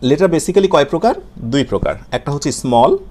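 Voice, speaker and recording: A man with a Bengali accent teaching English letters and pronunciation in a video lesson, repeating sounds slowly and asking and answering his own questions. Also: a little high, animated, a little mellow.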